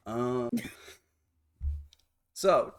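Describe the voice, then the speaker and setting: A man's voice: medium pitch, animated, extremely slow, smooth. A man co-hosting a casual podcast, putting on a playful, exaggerated Southern drawl and giggling between lines. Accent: put-on Southern US drawl. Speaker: podcast co-host. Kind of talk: casual chat.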